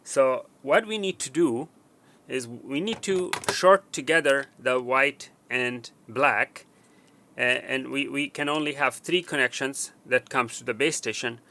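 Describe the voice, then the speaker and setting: In a hands-on instructional walkthrough, a technician with a bright, ringing, mid-range voice shows a wiring job at an indoor workbench, with a little hiss or hum in the recording. He speaks haltingly with frequent fillers and restarts, counting pins aloud as he points at them.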